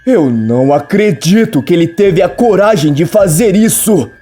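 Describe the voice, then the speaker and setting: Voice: medium pitch, lively intonation, normal speed, warm tone, breathy edge, faint music behind. A narrator reading a protective young male hero, worried and indignant.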